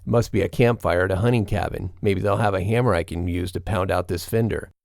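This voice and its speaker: A man's voice: low voice, steady tone, a little fast, vocal fry, darkish tone, no echo, clean studio sound. A man voicing a stranded truck driver who calls out urgently in a raised voice. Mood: hopeful.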